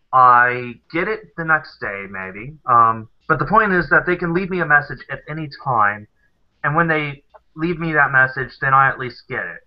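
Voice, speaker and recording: Man, from the American South, live-stream host, casual rambling talk, many fillers, mid pitch, muffled low-fidelity sound. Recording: dull lo-fi sound.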